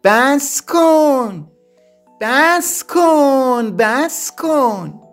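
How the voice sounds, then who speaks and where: A man voicing a clever, determined young child hero in a storybook reading, given to shouting and sly, quick-witted talk. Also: fairly high pitch, big pitch swings, faint music behind.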